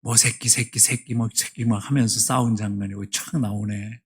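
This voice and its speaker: A middle-aged man preaching a sermon as pastor in a church, emphatic, swinging between hushed asides and loud appeals. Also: fairly low pitch, fairly even intonation, normal speed, husky. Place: church sanctuary.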